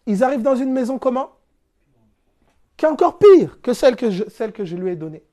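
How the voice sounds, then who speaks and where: This French speaker's voice is extremely high and mellow, with a sing-song lilt and a brisk pace. He delivers a spiritual teaching in a plainspoken, casual way, leaning on everyday examples and rhetorical questions.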